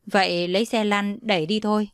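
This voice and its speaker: A woman reading as a brisk female doctor in an audio story, curt and commanding, snapping out orders. Her voice sits at a middle pitch in a dry, close recording. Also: steady tone, clear, resonant tone, dry recording, natural voice.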